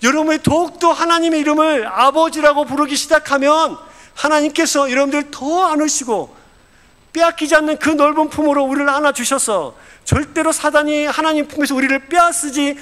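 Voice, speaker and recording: A man's voice: extremely high pitch, moderate pace, sharp tone, big-room sound. A man, an associate pastor, preaching a sermon and putting questions to the congregation.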